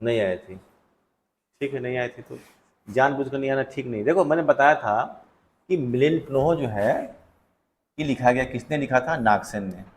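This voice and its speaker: A man's voice: medium pitch, moderate pace, long pauses, slight background noise. A male teacher going through test answers with students in a classroom, conversational and full of questions to them. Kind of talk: classroom test solution lecture.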